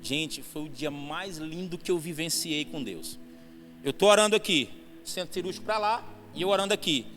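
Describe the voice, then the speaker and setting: A young adult man, giving a fervent testimony sermon that rises to shouts at its peaks. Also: fairly high pitch, expressive, moderate pace. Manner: fervent storytelling, rising to shouts at climaxes. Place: church hall. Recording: long reverb hall with music behind.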